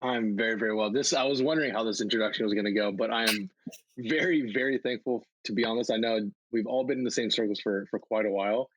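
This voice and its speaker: Male interview guest, lowish voice, dry mic, earnest and rambling. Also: quick pace, a bit bright, dry recording, highs cut off. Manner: earnest, repeats words, a bit rambling. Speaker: podcast guest, media buyer. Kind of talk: casual interview talk.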